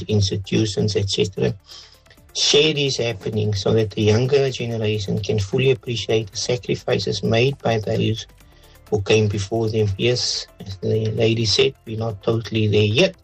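South African man, caller, gravelly and husky, earnest. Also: medium pitch, low-quality recording. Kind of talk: voice note to a radio show.

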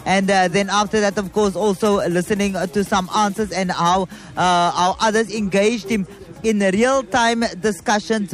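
A woman with a Cape Town South African accent hosts a live radio outside broadcast in a chatty, conversational way, switching between languages. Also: medium pitch. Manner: switches between English and Afrikaans. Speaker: radio host. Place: outdoor live broadcast at a city square.

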